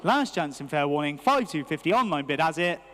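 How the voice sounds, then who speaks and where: High-pitched British male auctioneer, booming hall. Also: expressive, brisk, fairly bright tone. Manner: repetitive rhythmic chanting of figures. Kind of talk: live auction bid calling.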